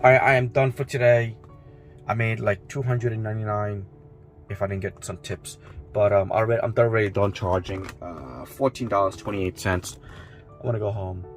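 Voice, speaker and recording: Faint music plays as a man with a fairly low voice and fairly even intonation narrates a driving vlog at a moderate pace. The rideshare driver is worn out and his voice is going, yet he stays cheerful, rambling casually and leaning on his catchphrases.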